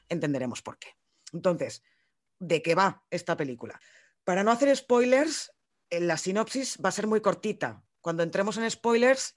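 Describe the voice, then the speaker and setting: A woman with a Spain Spanish accent co-hosting a film podcast, talking in a chatty way, explaining things and joking freely. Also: lowish voice. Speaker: podcast co-host. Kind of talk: casual film podcast chat.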